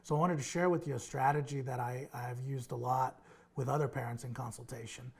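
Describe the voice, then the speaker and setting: A man hosting a parenting advice show, with a gravelly edge and a slight huskiness in his voice. He speaks directly to parents and walks through his advice one step at a time, at a middle pitch for a man. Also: fairly even intonation, a little fast, darkish tone.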